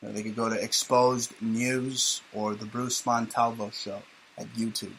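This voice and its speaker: A man's voice: fairly low pitch, flat delivery, a little slow, fairly bright tone, slight background noise, poor audio. A man hosting a talk radio show, rambling and joking in a sardonic way. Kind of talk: casual talk radio banter.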